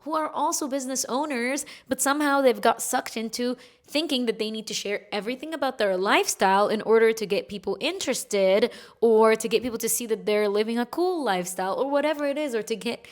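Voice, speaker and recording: A woman from Egypt, raised in Kuwait, hosting her own podcast in a chatty, quick, emphatic way. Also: fairly high pitch. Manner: chatty, fast-talking with lively emphasis. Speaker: podcast host. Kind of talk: solo podcast talk.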